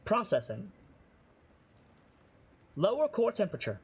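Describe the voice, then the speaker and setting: Man doing a robotic custodian drone, flat clipped announcements, husky, fairly high voice. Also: unhurried, full character voice. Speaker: game master.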